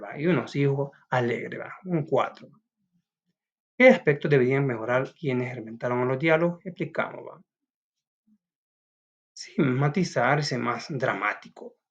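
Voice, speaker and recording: A man's voice: medium pitch, unhurried, long pauses. A man explains a school drama lesson in a loose, casual way. He keeps checking in with a short "va?". The sound is dull and lo-fi. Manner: casual, asks "va?" often. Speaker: teacher. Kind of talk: recorded lesson.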